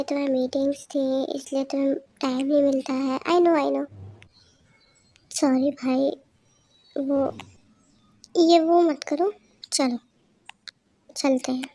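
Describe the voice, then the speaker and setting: A woman reading an amateur audio story, voicing every character herself and filling pauses with little hums. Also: high-pitched, mellow. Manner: switches quickly between character voices, lots of hums. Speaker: fan story narrator voicing all characters.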